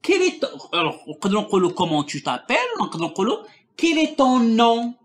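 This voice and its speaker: A woman's voice: a little high, wildly swooping pitch. Patient Moroccan woman teaching French. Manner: patient, asks questions and repeats sounds slowly. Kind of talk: bilingual language lesson with a child.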